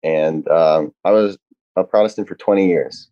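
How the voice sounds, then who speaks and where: A young man, a podcast guest, explaining at length in an earnest, halting way, full of "uh" and restarts. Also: low-pitched, no room sound, lo-fi sound. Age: young adult. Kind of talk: casual podcast conversation.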